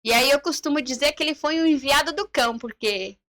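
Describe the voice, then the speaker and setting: High, bright-voiced woman telling her testimony. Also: brisk. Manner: animated storyteller who acts out the dialogue she recalls. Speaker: guest giving a faith testimony. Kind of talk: personal testimony on a church live stream.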